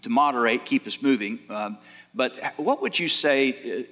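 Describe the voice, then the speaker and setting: Pastor guy running a panel, jokey and chatty, bright voice, big echoey hall. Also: medium pitch, animated, normal speed. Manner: friendly, joking, chatty. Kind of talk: casual moderating at a church event.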